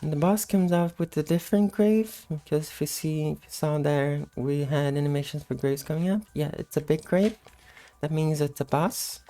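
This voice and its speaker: A woman giving casual, unhurried gameplay commentary in a sleepy, just-woke-up morning voice. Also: sits low, mellow. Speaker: gameplay host.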